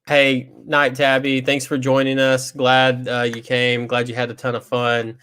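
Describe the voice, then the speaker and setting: A man in his thirties hosting a casual livestream trivia chat, relaxed and rambling with many fillers, on a video call mic. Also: mid-range voice, unhurried, clear, resonant tone. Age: 30s.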